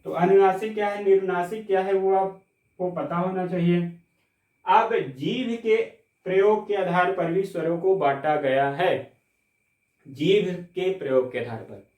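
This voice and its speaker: एक ऊँची आवाज़ वाला पुरुष हिंदी शिक्षक, गूंजती कक्षा में. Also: male voice, high-pitched, far from the mic, lo-fi sound. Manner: explains step by step, checks understanding with questions; speaks sounds slowly and stretched when demonstrating. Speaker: Hindi teacher. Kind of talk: classroom lecture. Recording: echoey room, mic set back.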